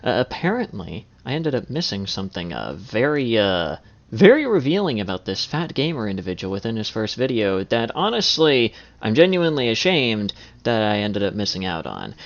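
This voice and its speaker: A man's voice: lowish voice, very animated, moderate pace. A man giving wordy reaction commentary as a video host, sarcastic, exasperated and given to swearing. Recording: dull lo-fi, faint music behind.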